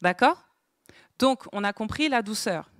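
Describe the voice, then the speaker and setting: A woman's voice: medium pitch, expressive, measured pace, no room sound, clean studio sound. A woman giving an interactive Bible lesson to a small group, asking them questions and writing on a board as she goes. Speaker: Bible teacher. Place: meeting room with a small group.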